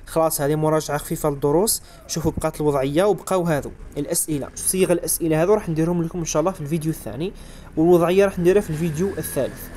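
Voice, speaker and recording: A French teacher with an Algerian Arabic accent delivers an exam revision lesson on French grammar, spelling verb endings letter by letter. His slightly high, mellow voice is steady and rapid-fire, with a little hiss or hum in the recording.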